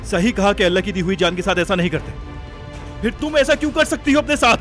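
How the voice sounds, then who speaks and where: एक अभिनेता एक गुस्सैल, ज़िद्दी जवान पति का किरदार निभाता है, ऊँची और तेज़ बहस करता हुआ।. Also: male voice, medium pitch, a little fast, soft background music, close to an everyday voice. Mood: angry. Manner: shouting, forceful, argumentative. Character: hot-tempered young husband, proud and stubborn. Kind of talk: television drama acting.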